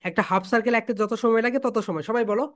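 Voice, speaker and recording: A woman teaching English letter sounds, chanting each sound and having the class repeat it. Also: fairly high pitch. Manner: call-and-response drilling, repeating sounds slowly; calls students "my dear soldiers". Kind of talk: phonics drill lesson.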